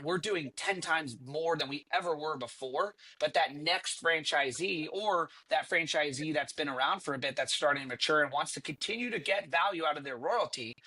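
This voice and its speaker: A middle-aged man who is CEO of a franchise company answers questions on a business panel, earnest and conversational, with frequent fillers and restarts. His fairly high voice sounds pushed and bright.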